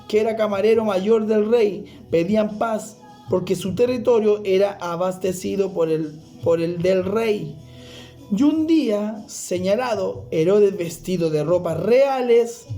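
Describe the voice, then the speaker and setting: A man's voice: high-pitched, dark tone. A man preaching a fervent sermon, often calling the listener "brother".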